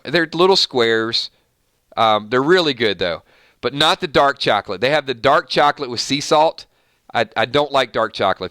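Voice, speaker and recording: A man with a Southern accent chats casually on his livestream, reading out viewer comments and laughing easily. His voice is bright and smooth, and the sound is close and dry, with no room echo. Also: mid-range voice. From Georgia, US South. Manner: chatty, laughs easily, animated. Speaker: livestream host.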